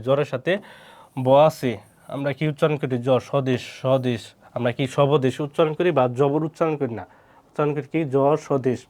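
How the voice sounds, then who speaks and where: A man's voice: on the high side, darkish tone. A man teaching an exam-prep lesson, asking questions and answering them himself, repeating each word twice. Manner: quizzing, answers his own questions, repeats words.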